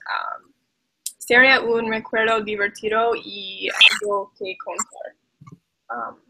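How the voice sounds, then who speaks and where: Slow, bright young woman learner. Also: a little high, a little hiss or hum, low-quality recording. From Minnesota, USA. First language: English. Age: young adult. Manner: halting, many "um" pauses. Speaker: Spanish student. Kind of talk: scripted class oral exchange. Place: small room indoors. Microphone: webcam at desk.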